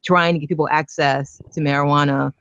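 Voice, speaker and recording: A woman's voice: deep voice, steady tone, a little fast, fairly bright tone, clear, resonant tone, dry recording, dull audio. A woman from Northern Virginia calling in as a guest, explaining a topic earnestly with plenty of fillers. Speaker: guest caller, activist. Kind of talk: phone-in interview.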